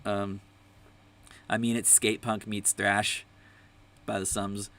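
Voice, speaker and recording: A man's voice: fairly low pitch, little pitch movement, slow, bright, forceful tone. A young man hosting a casual music tier-list chat, rambling and enthusiastic, full of fillers, swearing now and then. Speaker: host.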